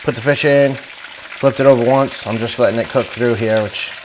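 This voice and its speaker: A man with a mid-range voice chats casually to viewers while cooking, folksy and talkative like a home cooking vlog host, with fairly even intonation and a moderate pace. Sizzling oil in a frying pan is clearly heard behind him, the background is noisy, and the mic level is uneven.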